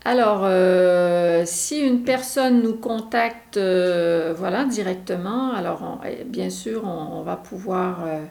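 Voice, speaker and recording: A woman's voice: on the low side, takes it slowly, gravelly, few pauses, a little mellow. A middle-aged woman from Quebec with a Québécois accent, explaining her work as a guest in a radio interview, hesitant with many fillers and restarts. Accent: Québécois French. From Quebec, Canada. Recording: echoey room.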